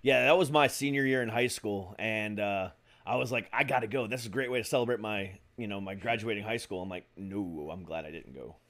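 A man's voice: on the low side, a little fast, fairly bright tone. A man in his forties hosting a casual podcast chat, laid-back, swearing and laughing often. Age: 40s. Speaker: podcast host.

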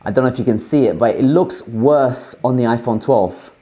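A man co-hosting a live tech stream, talking casually and a little haltingly while he works the devices. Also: medium pitch, dark tone. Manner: hesitant, restarts while operating gear. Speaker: co-host.

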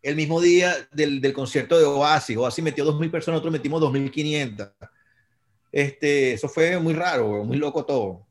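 A man with a Venezuelan accent telling casual, rapid, slang-filled anecdotes as a concert promoter. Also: fairly high pitch. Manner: rapid, slangy, profanity-laced. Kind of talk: casual storytelling.

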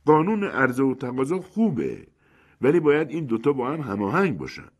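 A man's voice: mid-range voice, very animated, husky, voice pushed up. A man voicing a sly shopkeeper with a wry, knowing manner. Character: sly shopkeeper telling a tall tale.

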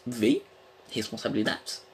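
A man's voice: fairly low pitch, wildly swooping pitch, measured pace, slightly rough. Rambling young man on a podcast. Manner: rambling, frank, swears freely, often laughs. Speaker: podcast host. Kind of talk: casual podcast chat.

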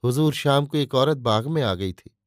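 A man's voice: mid-range voice, lively intonation, normal speed, no echo, studio quality, close to an everyday voice. A man voicing a humble servant gardener who reports respectfully and a little anxiously. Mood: deferential.

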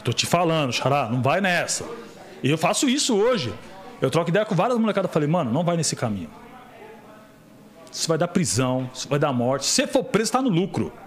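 As a podcast guest, a middle-aged Brazilian man spins stories in a casual chat, performing the dialogue of the people in them with animation. He talks a little fast in a voice on the higher side.

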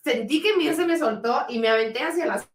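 Mexican woman co-host, fast animated storyteller, slangy, echoey room. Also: high voice. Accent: Mexican Spanish. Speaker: podcast co-host. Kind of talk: casual chat.

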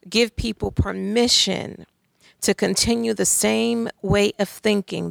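A woman talks with emphatic, pointed conviction, pressing her points through rhetorical questions. Her voice is strongly gravelly and full of fry. The sound is close and dry, with no room around it. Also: medium pitch, no room sound. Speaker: guest speaker. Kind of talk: conversational talk on faith and society.

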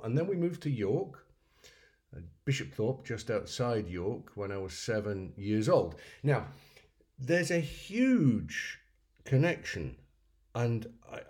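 A man's voice: lowish voice, mellow. A man hosting a solo music podcast, talking in a rambling, reflective way with many fillers and restarts. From North Yorkshire, England. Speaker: podcast host.

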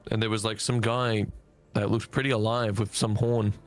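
A man's voice: fairly low pitch, little pitch movement, normal speed, faint music behind. A man playing a tabletop game, rambling and joking casually. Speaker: player.

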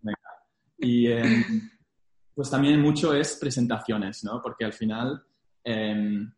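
A man's voice: mid-range voice, flat delivery, slow, darkish tone, a little hiss or hum. A young man in a casual interview, recounting his career in Spanglish, dropping English business terms into his Spanish. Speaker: interview guest, former investment banking analyst. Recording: echoey room.

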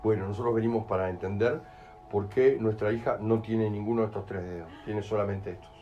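A man's voice: fairly low pitch, a little fast, lo-fi sound, faint music behind. Rioplatense man telling stories to a live audience. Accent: Rioplatense Spanish. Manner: animated storyteller, acts out voices, keeps asking "¿entendés?". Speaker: speaker at a live talk. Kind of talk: in-person talk with audience questions.

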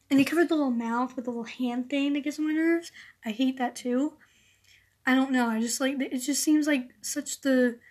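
A teenage girl hosting her own casual podcast, rambling in a sarcastic, exasperated way. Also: high-pitched. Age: teens. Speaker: podcast host. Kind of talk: casual solo podcast rant.

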